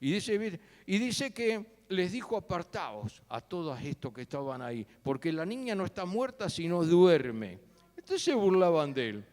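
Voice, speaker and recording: A man preaching a sermon, telling the story with sudden loud and soft turns. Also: sits high, very animated, measured pace. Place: church sanctuary. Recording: long church hall reverb.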